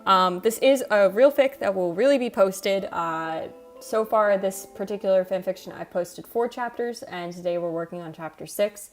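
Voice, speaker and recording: A young adult woman livestreamer chats casually and self-deprecatingly with her viewers at a normal pace in a mid-range voice. Soft video game music plays in the background.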